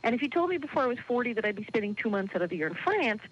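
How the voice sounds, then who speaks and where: A woman in her fifties, a guest on a radio show, telling stories in a chatty, animated way over a phone line. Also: fairly high pitch, rapid-fire, breathy edge. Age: 50s. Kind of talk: casual radio interview.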